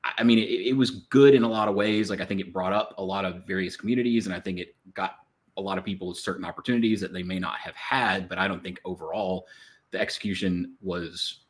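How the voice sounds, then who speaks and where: A man co-hosting a casual podcast panel, talking in a rambling way with many fillers and restarts. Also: sits low. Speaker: panel co-host.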